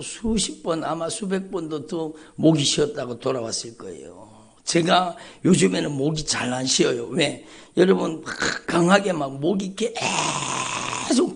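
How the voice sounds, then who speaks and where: In a church sanctuary at a dawn service, a male pastor delivers an emphatic, repetitive sermon, often calling out to the congregation. His voice is a little high and creaky.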